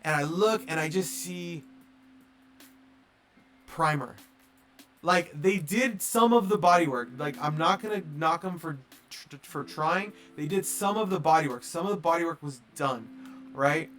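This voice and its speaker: Male streamer, voice a touch high, casual storyteller, rambling, filler-heavy, acts out quotes. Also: unhurried, fairly bright tone, faint music behind.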